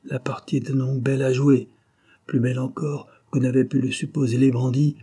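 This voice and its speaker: A man narrating a novel aloud in an expressive storytelling manner. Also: mid-range voice, normal speed, breathy edge. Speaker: audiobook reader. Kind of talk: scripted narration.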